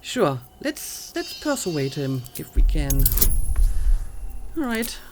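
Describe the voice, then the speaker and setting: Female let's player: casual, slow, thinking-aloud game commentary over light background music. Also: low-pitched, big pitch swings. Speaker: let's play host.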